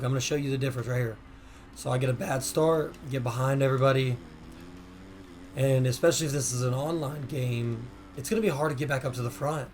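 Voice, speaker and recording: Hoarse laid-back man explaining a game. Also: mid-range voice, a little hiss or hum. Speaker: gaming channel host. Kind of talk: casual game tutorial voice-over.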